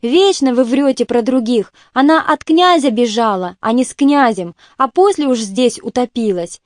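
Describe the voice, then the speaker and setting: A woman voicing a sharp-tongued woman at a feast who scolds someone loudly. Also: fairly high pitch, expressive, moderate pace, no echo, studio quality, lightly acted. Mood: scolding.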